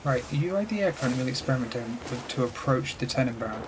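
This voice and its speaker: A man's voice: mid-range voice, expressive, fast talker, noisy background. A frustrated man giving gameplay commentary at his computer, swearing constantly and talking to himself. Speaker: let's play gamer.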